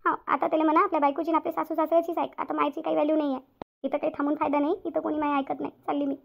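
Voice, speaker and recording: A woman's voice: high voice, little pitch movement, very fast, creaky. A woman voicing a touchy, aggrieved middle-aged village mother in a cartoon, with a plaintive manner. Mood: resentful. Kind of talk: cartoon voice acting.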